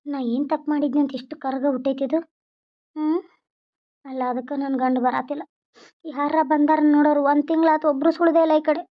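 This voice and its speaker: A woman's voice: high-pitched, level tone, a little fast, natural voice. A woman voicing a sad young new mother with a North Karnataka Kannada accent, speaking plaintively. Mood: lamenting. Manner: plaintive, lamenting. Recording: dull lo-fi recording.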